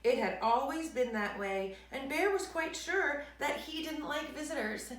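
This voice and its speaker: Reading to children in a reverberant room, this high-pitched woman storyteller is highly expressive, punching key moments, stretching words out, and murmuring quiet asides to her listeners.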